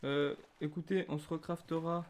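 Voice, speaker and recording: A young man giving casual gameplay commentary, chatty and calm with excitable bursts. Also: on the high side, moderate pace. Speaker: gaming video creator.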